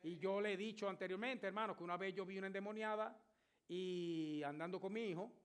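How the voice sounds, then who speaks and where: A man in his sixties, a pastor, preaches a sermon full of vivid, emphatic storytelling and shouts at the climaxes. His voice is high-pitched, clear and resonant, and he speaks briskly.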